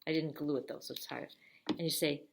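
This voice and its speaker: A woman's voice: deep voice, steady tone, fairly quick, creaky, noisy background. A woman librarian giving a friendly, step-by-step craft tutorial for kids. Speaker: children's librarian.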